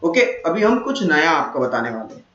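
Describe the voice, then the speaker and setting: High-voiced maths teacher, echoey room. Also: male voice, very animated, moderate pace, bright, forceful tone. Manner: repetitive, checks understanding, self-correcting. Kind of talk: classroom lesson. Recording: echoey room, dull lo-fi sound.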